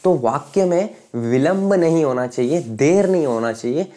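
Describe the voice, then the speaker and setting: A man's voice: fairly high pitch, expressive, normal speed, mellow. A young man teaching to a camera, explaining each idea with everyday examples and often stopping to ask whether his viewers follow. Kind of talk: explanatory lecture. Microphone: speaking to camera.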